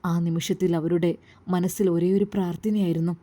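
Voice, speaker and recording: A woman storyteller narrating a story in a calm, gentle way. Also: fairly low pitch, fairly quick. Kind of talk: scripted narration.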